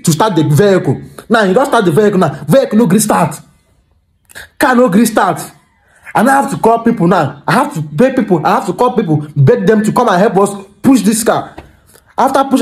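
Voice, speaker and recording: A young Nigerian man telling a comic story to his phone camera indoors, excitable and stumbling over repeated words. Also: high-pitched. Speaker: comedic storyteller. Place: small indoor room by a curtain. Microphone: phone camera held at arm's length.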